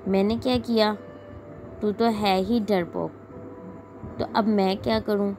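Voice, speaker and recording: A woman's voice: mid-range voice, fairly even intonation, takes it slowly, darkish tone, soft background music. A woman voicing a boastful young man who mocks his brothers as cowards, in a cocky, needling manner. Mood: scoffing. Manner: mocking, cocky.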